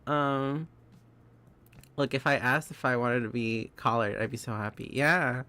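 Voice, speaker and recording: A man's voice: medium pitch, fairly even intonation, measured pace, pushed and bright. A young man streaming live, chatting casually with viewers, giggling often and rambling through restarts.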